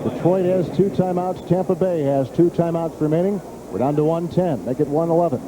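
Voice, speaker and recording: A man's voice: on the high side, a little fast, a crowd in the background. A man calling live football play-by-play. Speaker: play-by-play announcer. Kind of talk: live American football commentary. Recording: very noisy stadium broadcast. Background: loud stadium noise.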